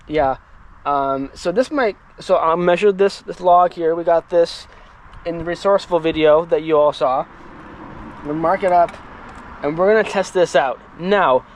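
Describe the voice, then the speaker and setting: A talkative man with a voice pitched a bit high for a man hosts his own firewood channel. He speaks outdoors in a yard, walking through a saw demo in loose, casual chat full of rambling asides. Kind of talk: casual equipment demo vlog.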